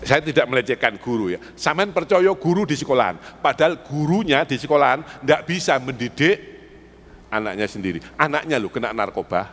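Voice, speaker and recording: In an echoey mosque hall, a man with an East Javanese accent preaches an Islamic sermon, quizzing the congregation with rhetorical questions and urging replies. His mid-range voice is animated and fairly bright, and he speaks a little fast.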